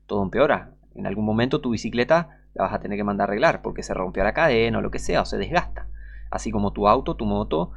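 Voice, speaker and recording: A man preaching a fiery sermon, scornful and full of rhetorical questions, swinging between loud outbursts and hushed asides. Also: lowish voice, creaky.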